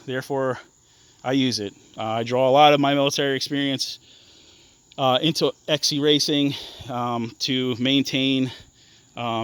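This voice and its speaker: A young man talks through the mods on his ATV in a casual walkaround, his mid-range voice smooth, clear and slightly bright. He halts often, full of ums and restarts, and speaks bluntly with easy swearing. The recording is dry, with no room echo.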